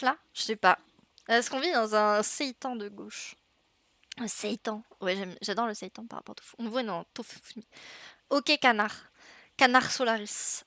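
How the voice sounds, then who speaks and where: Bright-voiced chatty woman streamer. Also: a little high, no echo. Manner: chatty and rambling, with frequent fillers and laughs; reads game dialogue aloud while playing. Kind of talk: casual gaming livestream chat.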